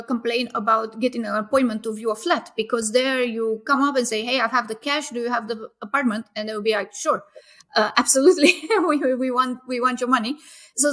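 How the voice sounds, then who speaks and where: Higher-voiced woman, thoughtful founder guest. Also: fairly bright tone. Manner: thoughtful, many fillers and restarts. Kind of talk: casual interview answers.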